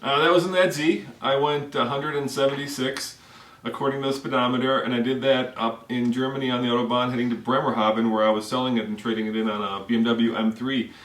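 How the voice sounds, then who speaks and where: A man's voice: medium pitch, fairly even intonation, fast, a bit bright. A middle-aged man from the Czech Republic hosting a car show, telling chatty stories with laughter while sitting on a living room floor. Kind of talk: casual storytelling chat. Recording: roomy echo, distant mic.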